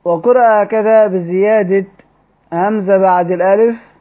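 High-voiced Egyptian man teaching Quranic readings. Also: steady tone, warm tone. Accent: Egyptian Arabic. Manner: explains step by step, drawing out key words slowly and repeating them. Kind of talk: study-circle lecture. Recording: dull lo-fi recording.

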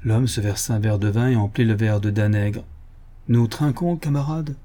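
A man narrates a classic detective story in an even, literary reading. His voice is dark and mellow, with a husky grain. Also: lowish voice, brisk. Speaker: audiobook narrator. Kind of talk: scripted audiobook narration.

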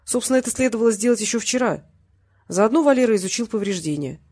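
A woman reading a novel aloud as an audiobook narrator, telling the story in a steady, wry manner. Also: on the high side, fast talker, slightly rough. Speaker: audiobook reader.

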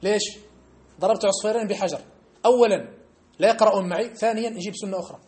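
A man leads a lesson in a mosque. His voice sits somewhat high, and he talks very fast. He argues his points and puts questions straight to his listeners. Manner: animated, argumentative, challenges listeners directly. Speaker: religious teacher.

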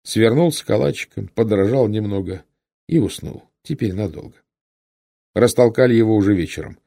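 A man reading a historical novel aloud in steady, measured narration. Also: on the low side, vocal fry. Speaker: audiobook narrator. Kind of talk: scripted narration.

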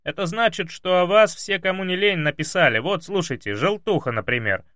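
A man's voice: high-pitched, animated, a little fast, a bit bright, no echo, clean studio sound, pitched above the performer's own voice. A man reading aloud as a chatty, cheeky young male student of about twenty. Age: 20s.

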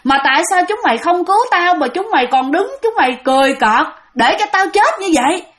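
A woman voicing an angry male ghost who has possessed a soldier, accusing and shouting. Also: fairly high pitch, very animated, moderate pace.

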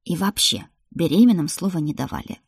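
A woman voicing a brash, joking young prince in an audiobook, with a husky voice close to her plain reading. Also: on the low side, lively intonation, fairly quick, no echo, heavily acted. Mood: cocky. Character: cocky young prince, playful brother. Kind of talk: audiobook character voice.

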